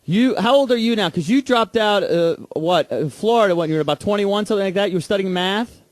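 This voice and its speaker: A man's voice: high voice, no room sound. A man hosting an interview, asking curious, casual questions. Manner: curious, prompting with quick questions. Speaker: interview host.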